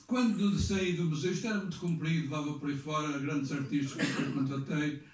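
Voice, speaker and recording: An older man giving a rambling, halting speech at a gathering, reminiscing as a former museum director. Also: fairly high pitch, fairly even intonation, slight background noise. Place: hall of a cultural society. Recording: echoey room, mic far off.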